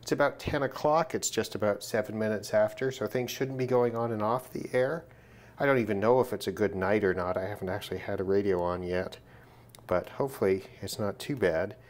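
Speaking fairly quickly in a voice on the low side, a man shows off radio gear at an indoor work desk. The demonstration is unscripted and hands-on, and he narrates his thoughts casually and matter-of-factly.

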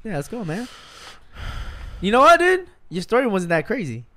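A man's voice: sits high, very animated, moderate pace, bright, forceful tone, slight background noise. A man co-hosting a podcast, teasing and joking in casual banter, laughing often. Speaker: podcast co-host.

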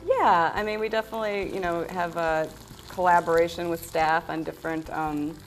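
A woman's voice: on the low side, moderate pace, a little hiss or hum. Hesitant middle-aged woman, restaurant owner. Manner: hesitant, lots of ums, earnest. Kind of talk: TV cooking segment. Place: indoor TV studio kitchen set.

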